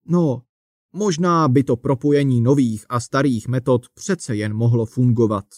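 A man's voice: mid-range voice, darkish tone, no room sound, studio quality, lightly acted. A man reading the part of an old man who thinks aloud hesitantly. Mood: musing.

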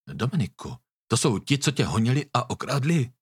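A man's voice: medium pitch, big pitch swings, slightly rough, no room sound, studio quality. A man reading the part of a commanding young man standing up for his friend. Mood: indignant. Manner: stern, commanding. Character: young man, protective and threatening.

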